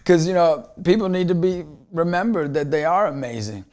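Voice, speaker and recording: A man's voice: fairly high pitch, lively intonation, moderate pace, a little mellow. A man, a motivational speaker, telling a personal story in an earnest way, often repeating words as he restarts a thought.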